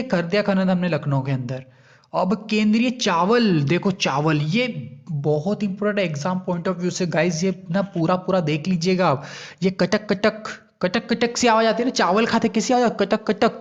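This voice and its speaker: A young man casually explaining quiz answers for exam prep, chatty and repetitive, often checking in with his listeners. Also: sits high. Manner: chatty, repeats "ठीक है ना" and calls listeners "भैया". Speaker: quiz tutor. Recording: dull lo-fi recording.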